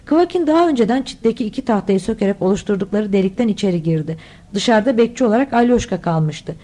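A woman with a mid-range, warm voice reads a children's adventure novel aloud, speaking quickly and animatedly. She voices every character herself in this scripted audiobook narration.

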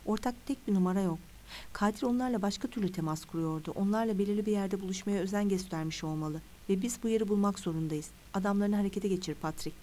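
A woman's voice: medium pitch, quick pace, mellow, slight background noise, natural voice. A woman reading the lines of a pushy, insistent female investigator in an audiobook. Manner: insistent, lecturing.

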